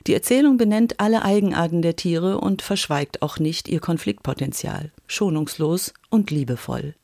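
A woman reading a scripted radio book review in a measured, composed way. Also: lowish voice, gravelly, darkish tone, no room sound, studio quality. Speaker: book critic.

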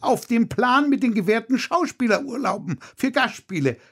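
A man's voice: very high-pitched, animated, normal speed, fairly bright tone, voice pushed up, heavily acted. A man reading aloud from his book, voicing a flustered, loyal woman dramaturge who stammers apologies. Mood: defensive.

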